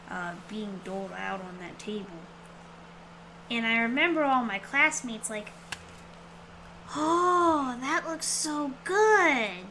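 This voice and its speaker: A woman streaming a game with casual, rambling, playful commentary in a cute anime-streamer manner. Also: fairly high pitch. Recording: clearly noisy background.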